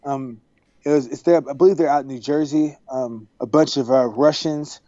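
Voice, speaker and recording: A man from Texas, a podcast guest on a video call, telling stories in a casual, animated way and acting out the dialogue. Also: medium pitch, moderate pace, no echo. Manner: animated, acts out quoted dialogue. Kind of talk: casual storytelling. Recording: dry, dull video-call audio.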